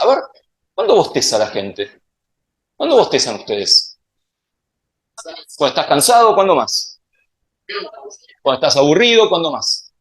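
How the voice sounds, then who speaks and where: Lively Argentine man quizzing an audience. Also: on the high side. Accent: Argentine Spanish. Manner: playful, quizzes the audience with questions. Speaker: science speaker. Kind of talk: public talk to a live audience.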